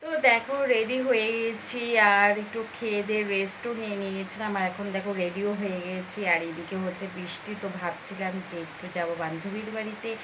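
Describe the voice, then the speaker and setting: A young woman from Bengal talks straight to her viewers about her day at home, in a chatty vlog style. Her voice sits at an ordinary middle pitch. A clear hiss of noise runs under the phone recording. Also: steady tone, brisk, few pauses, dull audio. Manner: chatty, addresses viewers directly, explaining household chores. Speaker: vlogger. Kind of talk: casual home vlog narration. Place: small home.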